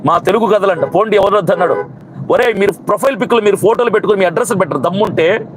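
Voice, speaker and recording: Fiery high-voiced man over traffic noise. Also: quick pace, poor audio. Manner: fiery, scolding, piles up repeated rhetorical questions. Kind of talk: impassioned protest speech to camera.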